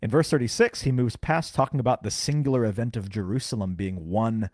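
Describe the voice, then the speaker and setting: A man co-hosting a podcast, carefully explaining scripture in casual chat and slowing down to stress key words. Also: medium pitch, darkish tone, no echo, studio quality. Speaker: podcast co-host. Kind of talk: casual Bible teaching chat.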